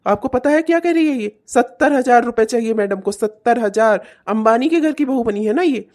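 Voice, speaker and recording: A woman's voice: a little high, expressive, moderate pace, a little mellow, lightly acted. Woman voicing a hot-tempered cartoon husband. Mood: complaining. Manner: angry, threatening. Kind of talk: cartoon voice acting.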